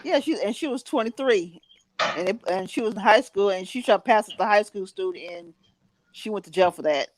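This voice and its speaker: A woman's voice: mid-range voice, fairly quick, rough recording. A woman telling a story and laughing in a casual group chat.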